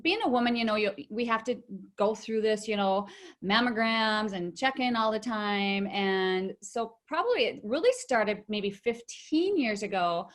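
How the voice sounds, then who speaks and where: A woman's voice: mid-range voice, unhurried. Chatty middle-aged woman telling her story. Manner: chatty, warm storytelling with many fillers. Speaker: interview guest. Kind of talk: personal story in an interview.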